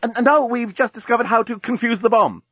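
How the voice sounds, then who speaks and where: A man's voice: extremely high pitch, fast talker, a bit bright, breathy edge, no room sound, highs cut off, pitched above the performer's own voice, exaggerated voice. A man voicing a young woman who talks urgently and anxiously. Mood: flustered. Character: panicky young woman on a spaceship.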